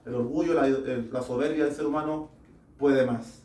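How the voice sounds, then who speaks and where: A man preaching a sermon to a small congregation, slow and deliberate, putting rhetorical questions to his listeners. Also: medium pitch, fairly even intonation, a little mellow. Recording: echoey room, mic far off.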